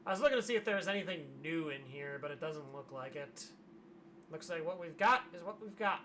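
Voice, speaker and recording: Hoarse streamer grumbling through commentary. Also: medium pitch, animated, brisk, sharp tone, slight background noise. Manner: wry, grumbling, reads aloud from a web page. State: losing voice, hoarse. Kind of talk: casual livestream commentary.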